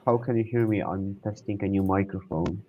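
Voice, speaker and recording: A man's voice: fairly low pitch, fairly even intonation, brisk, a little hiss or hum. A man hosting a casual online group chat, his voice muffled as if heard through a wall by a poorly set clip-on mic, speaking hesitantly with filler uhs. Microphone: wireless clip-on mic.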